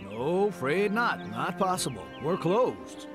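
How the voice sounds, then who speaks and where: Curt village baker with a lively voice. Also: male voice, a little high, slow, music in the background. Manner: curt, clipped. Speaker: game character.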